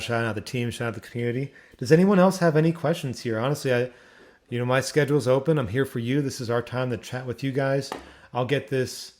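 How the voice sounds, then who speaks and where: Rambling Philly man hosting a chat. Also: mid-range voice. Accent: Philadelphia. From Philadelphia, Pennsylvania. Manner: rambling, repeats words, lots of fillers. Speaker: community AMA host. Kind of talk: casual community livestream talk.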